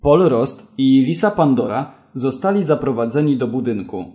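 A man reading a story aloud as narrator in a slow, even manner. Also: mid-range voice.

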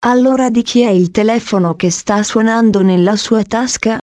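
A woman reading the lines of a calm, wry male police officer in a storybook, with a mild, even delivery. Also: fairly high pitch, normal speed, no room sound, clean studio sound, close to an everyday voice.

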